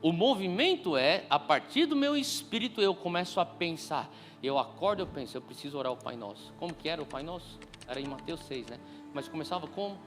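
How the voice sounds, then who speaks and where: Animated Brazilian pastor with a lively voice. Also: male voice, fairly high pitch, a little fast, soft background music. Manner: animated, acts out dialogue with big voice swings. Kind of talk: sermon with storytelling.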